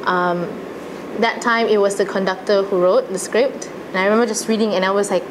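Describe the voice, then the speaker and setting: A woman's voice: mid-range voice, steady tone, fairly quick. A young adult woman with a Malaysian accent recalling her experiences in a casual interview, earnest and chatty. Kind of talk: casual interview, personal recollection. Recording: noticeable background noise and ambience.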